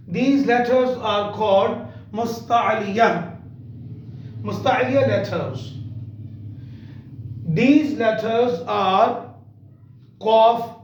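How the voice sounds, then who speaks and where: A man giving a Quran recitation lesson, talking slowly and haltingly with many fillers, switching between English and Urdu. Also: very high voice, a little hiss or hum. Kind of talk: slow spoken lesson. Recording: echoey room, distant mic.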